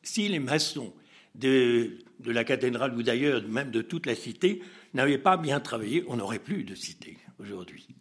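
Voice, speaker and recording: A man with a husky, slightly rough voice tells an anecdote during an interview. He sits at an ordinary middle pitch and acts out the dialogue. He breaks into laughs and restarts his lines as he goes. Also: moderate pace. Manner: lively storyteller who acts out dialogue and laughs often; hesitant, with frequent restarts. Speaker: interview guest. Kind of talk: telling an anecdote in conversation.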